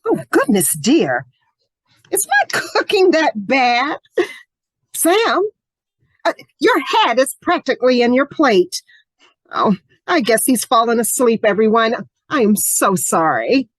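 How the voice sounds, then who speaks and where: Woman acting a high-pitched, fretful housewife. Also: sing-song, slow pace, no echo, heavily acted, rough recording. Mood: sweetly apologetic. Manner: hesitant, stammering when questioned. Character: shocked, fretful housewife hostess and new widow. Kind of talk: amateur radio mystery acting.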